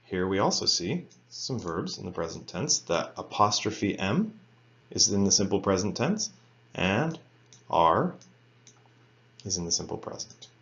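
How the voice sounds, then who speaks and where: A man teaching an English grammar lesson to students, reading example sentences slowly and carefully. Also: deep voice, very animated, a bit bright, dull audio. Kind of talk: recorded lecture for students.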